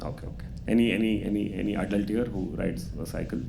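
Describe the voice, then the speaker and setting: A man's voice: on the low side, fast, gravelly. A man hosting an open mic, bantering with the audience in a teasing, laughing way. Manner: teasing, laughing, animated chatter. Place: indoor open mic venue. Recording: audible background noise.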